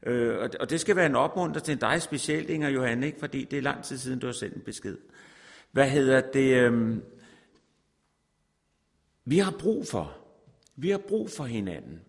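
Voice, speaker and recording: A man's voice: medium pitch, animated, creaky, pauses often. A man preaching a sermon, repeating words for emphasis and reading scripture aloud. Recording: long reverb in a large hall.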